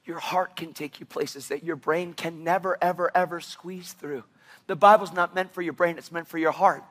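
A man preaching a sermon, animated and impassioned, with sudden loud bursts. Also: high-pitched.

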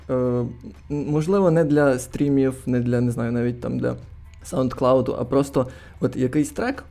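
A man's voice: medium pitch, gravelly, mellow. A man hosting a podcast, asking long winding questions in casual chat. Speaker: podcast host.

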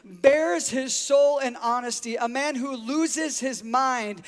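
A man's voice: very high voice, slow. A middle-aged man preaching a sermon as a pastor, telling a story and acting out the voices in it. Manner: storytelling, acts out voices in anecdotes. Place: church sanctuary. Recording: long hall reverb.

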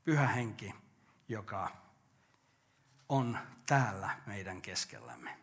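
A man's voice: on the low side, big pitch swings, creaky. An older male pastor preaching a sermon earnestly, asking rhetorical questions and answering them.

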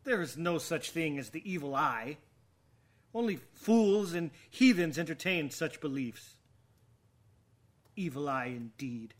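A man's voice: fairly high pitch, expressive. An actor playing a proud, troubled younger man in a drama, speaking in formal, brooding phrases. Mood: scornful, agitated. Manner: measured, brooding, formal diction. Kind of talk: dramatic acted monologue and dialogue.

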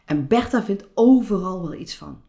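A woman hosting a solo podcast as a personal coach, speaking calmly and reflectively with some hesitations. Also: mid-range voice, moderate pace.

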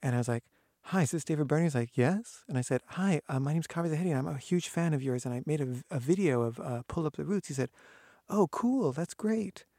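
A man with a fairly high-pitched voice, recorded at studio quality with no echo, gives a casual personal anecdote. He animatedly acts out the voices of those he quotes, with many halting restarts.

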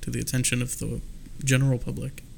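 A man hosting a casual podcast chat, relaxed and wry with dry jokes. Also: medium pitch, fast, creaky, slight background noise. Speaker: podcast host.

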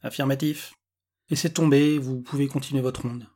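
Reader doing a dry, worn-out policewoman, husky, storybook. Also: medium pitch, steady tone, normal speed, darkish tone, close to an everyday voice. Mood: curt. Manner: dry, matter-of-fact. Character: weary, curt female police officer.

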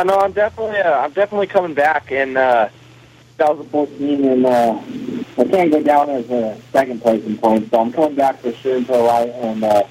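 A man's voice: mid-range voice, mellow, breathy edge. A racing driver, a man, giving a matter-of-fact phone-in interview, his voice heard over a phone line. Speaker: off-road racer calling in as guest.

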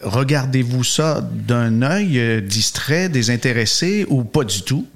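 Man, interviewer, medium pitch, conversational, long measured questions. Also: lively intonation, creaky.

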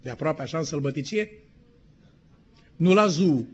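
A middle-aged man from Romania, a pastor preaching a sermon and telling stories, who slows down for quotations and asks the congregation questions. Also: a little high, animated, darkish tone, breathy edge. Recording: dull lo-fi sermon recording.

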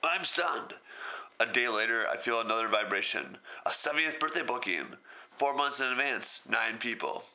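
A man's voice: lowish voice, gravelly, pushed and bright. A man reading a story aloud and breaking off for wry, sarcastic comments.

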